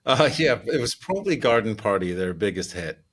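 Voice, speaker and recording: Guest composer, man in his 50s from Iceland, lower voice, easy and chatty. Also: fairly quick, slightly rough. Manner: relaxed, chatty, laughs often, many fillers. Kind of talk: casual interview chat.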